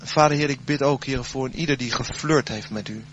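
A man preaching a sermon, then leading a spoken prayer, his voice swelling loud and dropping soft. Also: mid-range voice, brisk, highs cut off, slight background noise.

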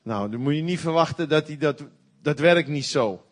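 A middle-aged man preaches a sermon with a slightly raised voice. He talks in a folksy, conversational way, then bursts out loud on key points. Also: a little high, normal speed. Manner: animated, folksy preaching with sudden loud outbursts.

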